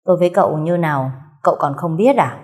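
A proud, sulky young wife, as a woman reader puts her on, snapping back with curt sarcasm. Her voice sits fairly low and even in a spoken storybook. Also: quick pace, lightly acted. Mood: sarcastic.

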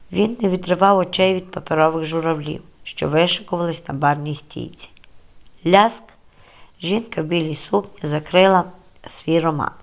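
A woman reads a novel aloud as an audiobook narrator. Her voice sits a bit low, and she tells the story in a calm, measured, steady way. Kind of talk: scripted literary narration.

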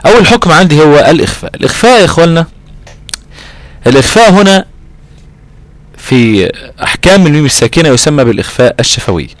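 Egyptian guy teaching a lesson, talks quick, repeats stuff, dry close sound. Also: fairly high pitch, very animated, no room sound. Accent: Egyptian Arabic. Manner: repeats key terms, stretches recited examples slowly. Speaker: Quran recitation teacher. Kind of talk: explanatory lesson.

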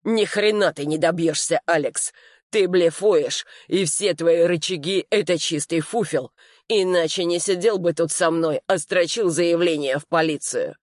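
An audiobook reader voicing a cornered, furious man who shouts back in defiance, in a dry, close recording. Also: medium pitch, normal speed, dry recording, close to an everyday voice. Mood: defiant. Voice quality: yelling, strained. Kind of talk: audiobook dialogue acting.

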